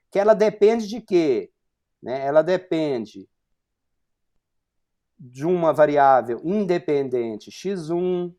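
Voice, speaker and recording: A man's voice: fairly high pitch, a little mellow. A man in his forties from Brazil giving an online university lecture, explaining step by step with frequent fillers and rhetorical questions. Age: 40s.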